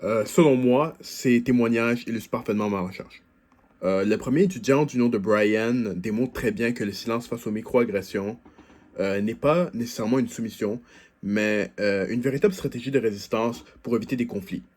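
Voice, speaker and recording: A young male student asks his questions with upbeat eagerness. His voice sits at a middling pitch and he moves between casual street chat and read commentary. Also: normal speed, a little mellow. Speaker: student interviewer.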